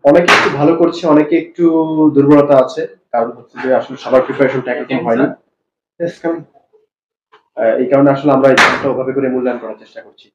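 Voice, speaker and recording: A Bangladeshi man, an English teacher, testing students' speaking and explaining to viewers, mixing Bengali and English in a calm questioning way. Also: medium pitch, quick pace, highs cut off, heavy background noise. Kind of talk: oral test and explanation to viewers. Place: classroom. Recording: echoey classroom with faint ambience.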